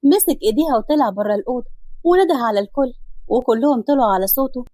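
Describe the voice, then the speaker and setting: Brisk Egyptian woman storyteller. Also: a little high, expressive, warm tone, no room sound. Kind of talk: scripted story narration.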